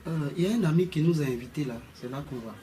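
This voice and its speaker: A young actor plays an evasive, tired husband with an Ivorian French accent. He speaks quickly and coaxingly. Loud clicking noise runs over the recording. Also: a little high, natural voice. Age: young adult.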